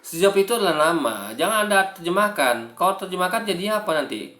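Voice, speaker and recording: A man's voice: high voice, sing-song, fast talker, sharp tone. A man giving rambling, casual video commentary, full of fillers and remarks to his viewers. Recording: roomy echo.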